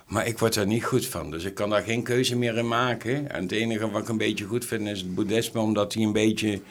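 A man in a casual chat, talking haltingly and drawing out his words. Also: fairly low pitch, steady tone.

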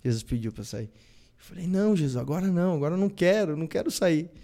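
A man's voice: a little high, quick pace, creaky, warm tone. A young Brazilian man, a guest, telling a personal faith story and acting out the dialogue as he goes. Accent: Brazilian Portuguese.

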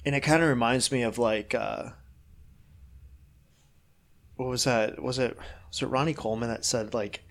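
A middle-aged man talking shop as a fitness coach, loose and rambling, full of "you know" and "like". He is frank and swears now and then, in an easygoing podcast chat at an ordinary pitch. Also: normal speed, long pauses.

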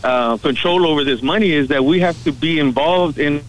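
A man phones in to a radio talk show, his voice carried over a telephone line. He speaks in a somewhat high register. His talk is earnest and rambling, full of fillers. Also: normal speed, slight background noise. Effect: heard over a phone line. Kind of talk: casual call-in talk.

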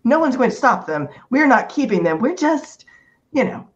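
A woman's voice: a little high, big pitch swings, moderate pace, lo-fi sound. A woman playing a tabletop role-playing game, talking in character conversationally and hedging as she reasons aloud.

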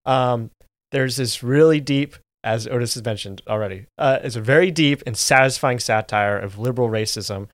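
A man co-hosts a movie review podcast, talking with enthusiasm and plenty of ums and restarts. His voice is mid-pitched for a man. The recording is dry and close. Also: normal speed, dry recording. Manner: enthusiastic, many fillers, restarts. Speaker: podcast co-host. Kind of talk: casual movie review chat.

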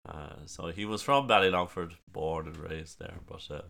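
Deep-voiced lilting Irish storyteller man from Kerry. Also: normal speed, creaky, pushed and bright. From County Kerry, Ireland. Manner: lilting, musical way of speaking. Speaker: storyteller, podcast guest. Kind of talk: casual chat, storytelling.

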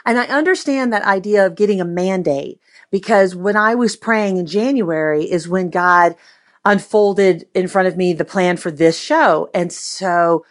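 A woman's voice: on the low side, a little slow. Effusive woman hosting a faith talk show. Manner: effusive, emotional, laughs often. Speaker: radio show host. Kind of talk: casual faith talk interview.

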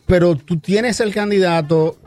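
A man's voice: high voice, measured pace, a little mellow, soft background music. A man interviewing a candidate, talking hesitantly and repeating words as he searches for them. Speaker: interviewer, former campaigner.

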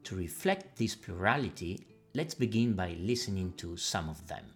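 A low-voiced man hosts this podcast and reads a scripted introduction. He sounds like a lecturer, paced and careful, and each name in a list gets its own slow beat. Faint music plays beneath him. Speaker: podcast host; lecturer and researcher. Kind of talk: scripted narration.

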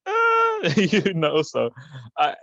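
A man's voice: high-pitched, huge pitch swings, very slow, gravelly, sharp tone, no room sound, lo-fi sound. A man as a podcast guest in casual chat, rambling with many fillers and restarts and laughing often. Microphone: remote recording.

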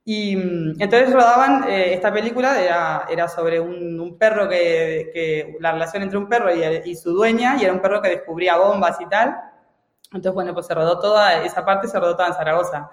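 A man from Spain, a guest in an interview, telling a story in an animated way with many restarts and fillers. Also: high-pitched, fairly quick, reverberant, in a large hall.

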